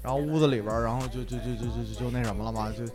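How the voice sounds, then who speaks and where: A young man, a podcast co-host, telling a story in casual chat, excitable and swearing often. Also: medium pitch, racing, music in the background.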